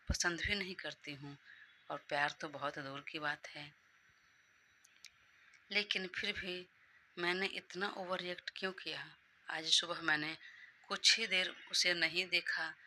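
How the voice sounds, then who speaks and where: A woman's voice: low voice, sharp tone, a little hiss or hum, full character voice. A woman voicing a confused, heartbroken young woman who keeps questioning her own feelings in a Hindi audio story. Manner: questioning herself in an anxious inner monologue.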